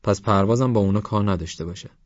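A man's voice: lowish voice, dry recording, lightly acted. A man voicing a reckless, playful young villager who brags about catching snakes, in a dull, dry recording. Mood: boastful. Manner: playful, boastful, excitable.

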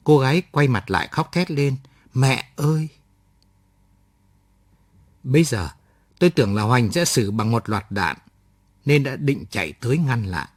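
A man reading a story aloud at night with measured, expressive storytelling. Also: mid-range voice, no room sound. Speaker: story narrator.

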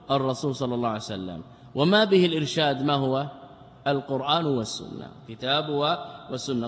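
A man's voice: on the high side, in a large hall. A man teaching Islamic jurisprudence, quoting scholars, repeating key phrases and asking his students questions he then answers. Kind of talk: lecture explaining a text.

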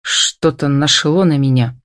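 A woman voicing a hoarse, sneering male villain with a low, threatening voice in an audiobook. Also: a little slow, dry recording, studio quality.

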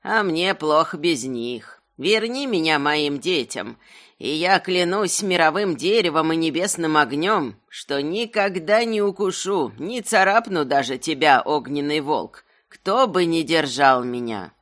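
A narrator voicing a cantankerous ancient talking spear with a shrill old woman's voice, grumpy and indignant. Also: sing-song, unhurried, few pauses, pushed and bright. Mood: pleading. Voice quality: shrill, screeching. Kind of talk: audiobook character voice.

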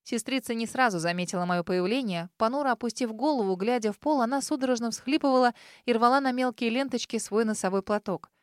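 A woman narrating a first-person audiobook in a calm, even storytelling manner, close to the mic. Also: a little high, quick pace, no echo.

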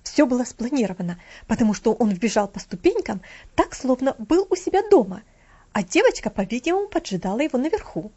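A woman voicing a furious middle-aged housekeeper who shouts and scolds a boy in a storybook reading. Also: a little high, big pitch swings, brisk, breathy edge, muffled recording. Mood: sarcastic.

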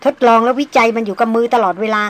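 A woman reading the part of a refined, self-assured young woman doctor, speaking slowly and deliberately. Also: on the high side, fairly even intonation, lightly acted. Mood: musing. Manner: slow, measured, deliberate. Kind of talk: audiobook character reading.

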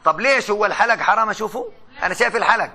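A middle-aged man from Gaza lectures his class with a Palestinian Arabic accent, his voice pitched high, bright and sharp. He moves at a brisk clip in a chatty way, tossing questions at the students and answering them himself. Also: animated. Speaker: university lecturer. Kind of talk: university lecture.

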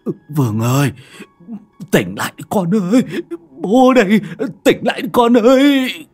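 A man's voice: high-pitched, animated, unhurried, slightly rough, soft background music, voice pushed up, full character voice. A man doing a desperate old father. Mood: pleading. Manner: pleading cries. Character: desperate old father begging his son.

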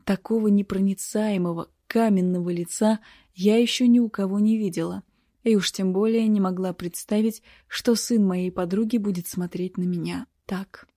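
A middle-aged woman narrating a first-person audiobook in a tense, measured way. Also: mid-range voice, fairly even intonation, dark tone, no echo, clean studio sound.

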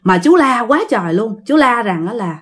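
A woman's voice: on the high side, lively intonation, normal speed, a bit bright. A woman telling a family ghost story in a conversational way, speaking to her listeners.

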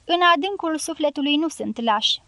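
A woman's voice: high-pitched, lively intonation, bright, forceful tone, dry recording, voice pushed up, exaggerated voice. A woman reading the part of a sullen male guerrilla leader in an audiobook, speaking bluntly and curtly. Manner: blunt, curt and self-justifying.

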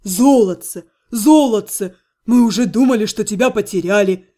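A woman reading an audiobook voices an excitable, bearded male half-gnome who exclaims eagerly. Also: medium pitch, unhurried, voice pushed down, natural voice. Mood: excited.

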